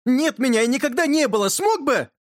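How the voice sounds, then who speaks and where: A man voicing an excitable, earnest schoolboy who presses hard with questions and bursts into shouting. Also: sits high, unhurried, slightly rough, no room sound, clean studio sound, voice pushed up, heavily acted.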